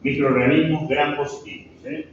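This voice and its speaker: A man's voice: on the high side, steady tone, moderate pace, recorded from a distance, a little hiss or hum. A male pharmacology lecturer with a Venezuelan Spanish accent, giving a classroom lecture and often checking in with the students. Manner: asks the class questions, frequent "¿sí?" checks. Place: large classroom. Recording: echoey, muffled classroom from afar.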